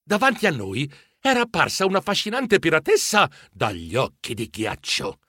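Lively man reading a storybook. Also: fairly high pitch, moderate pace, dry recording, clean studio sound. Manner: animated, expressive reading. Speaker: audiobook narrator. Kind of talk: first-person storybook narration.

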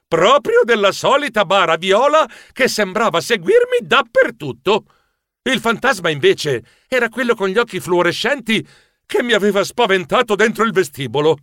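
A man's voice: sits high, bright, forceful tone, no echo, studio quality. A man narrating a children's story in a playful, theatrical way. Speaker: audiobook narrator.

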